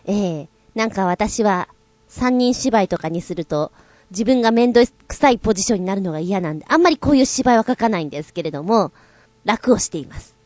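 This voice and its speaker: A woman's voice: medium pitch, animated, fairly quick, a little mellow, no echo. A woman hosting a show and coaching drama, chatting playfully with light self-mocking asides. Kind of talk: casual chat.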